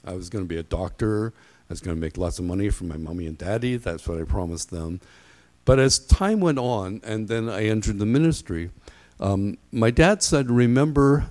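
Low-voiced, self-deprecating male preacher. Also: a little mellow. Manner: self-deprecating, halting storytelling. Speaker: pastor giving a sermon. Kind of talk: conversational sermon with personal anecdotes.

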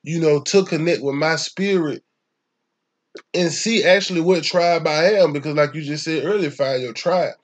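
In casual conversation, a young Atlanta man with a Southern US accent rambles, curses and speaks emphatically, sometimes with a raised voice. His voice is a little high, and he talks at normal speed.

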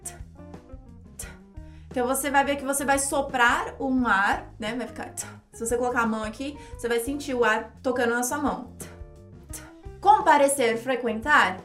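Brazilian lady teaching pronunciation, high voice, upbeat, makes you repeat words. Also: a little fast, hardly any pauses, fairly bright tone, soft background music. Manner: upbeat, drills words for repetition. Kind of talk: online pronunciation lesson.

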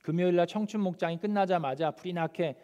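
A male pastor preaching a sermon, animated and acting out the scripture quotes. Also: sits high, quick pace. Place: church sanctuary. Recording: long church hall reverb.

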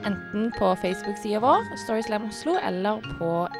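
A woman's voice: medium pitch, animated, creaky, music in the background. A woman co-hosting a storytelling podcast in an easygoing, casual way. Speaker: podcast co-host.

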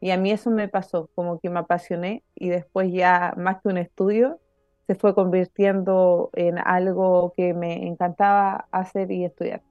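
A woman, a guest explaining her field in a measured way during an interview. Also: fairly low pitch, level tone, no echo, highs cut off, faint music behind. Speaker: guest, mycologist and author. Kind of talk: interview answer.

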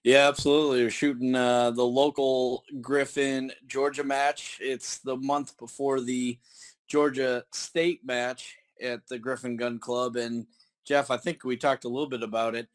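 A man's voice: mid-range voice, flat delivery, measured pace. Man, podcast co-host, upbeat, enthusiastic, casual. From New York.

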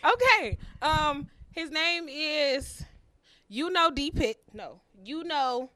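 Bright-voiced, laid-back woman co-host. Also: sits high, animated, takes it slowly, no echo. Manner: laid-back, slangy, trails off with fillers. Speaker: podcast co-host. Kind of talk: casual chat.

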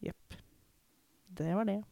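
A young woman from Norway giving a candid, reflective personal account in conversation, pausing and restarting often. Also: dark tone, dry recording. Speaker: podcast guest.

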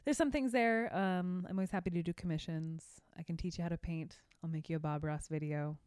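A chatty woman artist co-hosting a podcast, giggling and poking fun at herself. Her voice sits a little low for a woman. It is recorded close and dry, with no room echo. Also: fairly quick, a little mellow, clean tone. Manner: chatty, giggly, self-deprecating. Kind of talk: casual chat.

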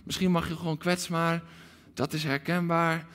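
A man preaching a livestreamed sermon with passion, moving from loud pleading calls to hushed, almost whispered lines. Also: on the high side, flat delivery, normal speed. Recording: long hall reverb.

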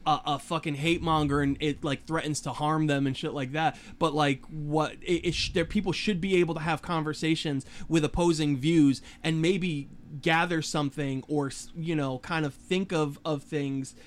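A man's voice: on the high side, steady tone, moderate pace, hardly any pauses. A man in casual chat, talking emphatically with many fillers and curses. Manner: emphatic, profane, filler-heavy.

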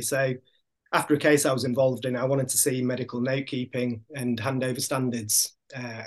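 A man with a Hull accent giving measured, explanatory answers as a guest in an interview. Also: medium pitch. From Hull, Yorkshire, England. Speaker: podcast guest, sports doctor.

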